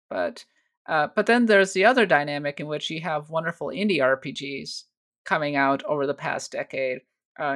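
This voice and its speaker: A podcast co-host explaining points in a measured, conversational way. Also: medium pitch, fairly bright tone. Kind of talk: casual panel discussion.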